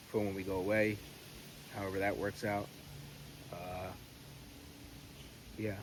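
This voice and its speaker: A man chatting casually in a rambling, halting way with mild swearing, as a vlogger recording on his phone. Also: on the low side, darkish tone. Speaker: pipe-smoking vlogger. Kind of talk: rambling casual chat vlog. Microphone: phone camera. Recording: noisy phone recording with clear background noise.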